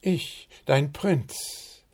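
Storybook bird prince, young male, eager and romantic, piping and high, read by a man. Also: extremely slow, darkish tone. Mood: proud.

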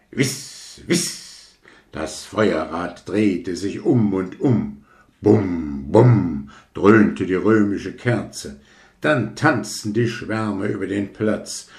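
A man reading a fairy tale aloud in a slow, measured storytelling manner. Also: sits low, a little mellow. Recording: roomy echo.

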